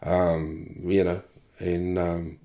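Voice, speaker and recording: A man's voice: deep voice, completely flat delivery, very slow, warm tone. A middle-aged man with a broad New Zealand Māori English accent, chatting reflectively and bluntly, swearing freely. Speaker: interview guest, moko practitioner. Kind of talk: casual reflective chat.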